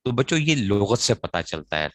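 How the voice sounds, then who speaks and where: A man with a fairly low voice lectures students in a class. He asks questions and answers them himself, repeats his key points, and recites conjugations in a slow chant. The sound is dry and close, with little room echo. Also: big pitch swings. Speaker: teacher of grammar to students.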